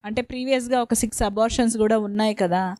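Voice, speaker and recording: A woman's voice: on the high side, fairly even intonation, fast talker, darkish tone. A woman interviewing a patient with leading questions.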